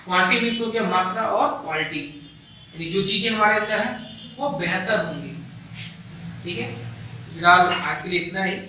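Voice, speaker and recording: High, bright-voiced male teacher, echoey room. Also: normal speed, long pauses, noisy background. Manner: explains with everyday examples, addresses students as children. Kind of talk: classroom lecture. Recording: echoey room, mic far from speaker.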